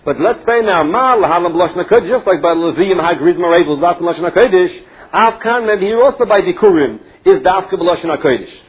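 A man teaching a Talmud lesson, reading the text and explaining it phrase by phrase with halting restarts. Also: sits high, lively intonation, slightly rough, highs cut off.

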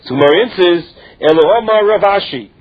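Male Talmud teacher, high husky voice, Yiddish-influenced accent, question-and-answer explaining, lo-fi sound. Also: moderate pace. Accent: Yiddish-influenced English. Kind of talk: religious text lesson, reading and explaining. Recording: dull lo-fi recording.

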